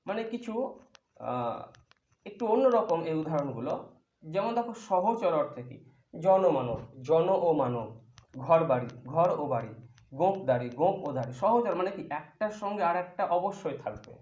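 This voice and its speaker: A man's voice: high voice, a little mellow. A man teaching a grammar lesson, patiently explaining each point step by step with examples. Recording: echoey room, dull lo-fi sound.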